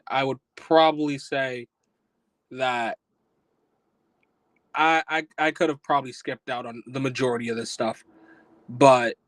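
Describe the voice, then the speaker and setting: A man's voice: medium pitch, a bit bright, dry recording, poor audio. A man hosting a casual solo podcast review, talking bluntly and with exasperation, and a little out of breath. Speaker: podcast host.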